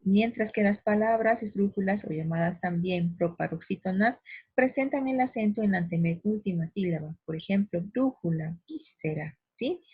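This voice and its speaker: A woman teaching a grammar lesson, patient and explanatory, slowing down to stress syllables and speaking directly to the listener. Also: medium pitch, no echo. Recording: dry phone-like recording, husky.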